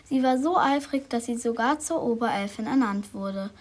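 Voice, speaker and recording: A young presenter of a school radio show, reading out a book tip with small restarts. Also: female voice, fairly high pitch, normal speed.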